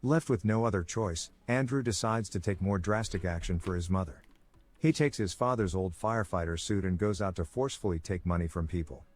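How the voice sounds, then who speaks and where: A man giving a scripted narration, with a steady, even storytelling delivery. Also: low voice, a little fast, faint music behind. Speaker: movie recap narrator.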